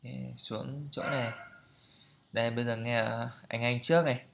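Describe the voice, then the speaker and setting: A man's voice: medium pitch, steady tone, normal speed, vocal fry, a little hiss or hum. A man teaching English pronunciation, repeating each word several times and then patiently explaining how to say it. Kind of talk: pronunciation lesson.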